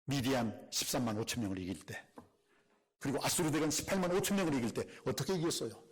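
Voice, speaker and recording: Man, middle-aged, pastor, sermon, husky voice, animated pitch, rhetorical questions. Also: fast talker. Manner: preaching with call-and-response questions and dramatic quoted asides; drops to a hushed whisper for emphasis.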